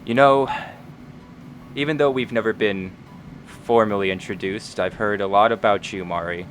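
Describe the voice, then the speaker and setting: A man playing a guarded, suspicious male character in a tabletop game, speaking in a measured, disapproving way. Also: fairly low pitch, faint music behind, lightly acted.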